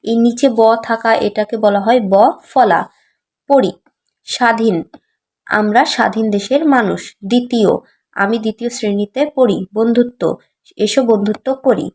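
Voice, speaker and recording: A woman teacher leads a reading lesson for young children. She sounds each syllable out slowly and patiently. Her voice sits slightly high. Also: darkish tone. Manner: slow, patient, syllable-by-syllable spelling aloud.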